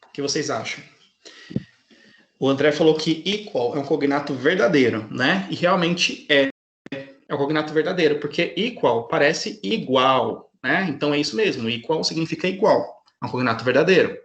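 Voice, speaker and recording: A male teacher runs an online class over a video call. His voice sits a little high. He is patient and keeps checking in with his students as he explains. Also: moderate pace, fairly bright tone, echoey room, highs cut off. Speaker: English teacher.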